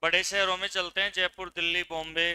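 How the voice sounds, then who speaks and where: A man's voice: sits high, flat delivery, a little fast, sharp tone, clean tone, poor audio. A man teaching a class, giving dictation and drilling students by repeating his questions and their answers. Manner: gives dictation commands. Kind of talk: classroom lecture.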